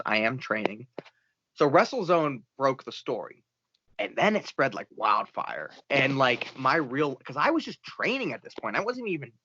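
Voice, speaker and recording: Animated man telling a story on a podcast. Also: medium pitch, slight background noise. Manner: animated storyteller, acts out quoted lines. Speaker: podcast guest. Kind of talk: casual storytelling. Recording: dull lo-fi podcast audio.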